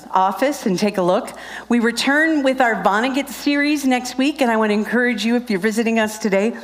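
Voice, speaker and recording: A woman minister giving chatty, joking announcements at the start of a Sunday service, laughing often. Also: a little high.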